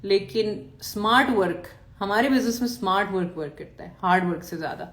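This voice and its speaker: A woman from Lahore hosting a casual live stream as a business team manager, expressive and playfully scolding, slipping into English. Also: medium pitch, a little fast, roomy sound. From Pakistan, Lahore. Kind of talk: casual live-stream talk, reading comments.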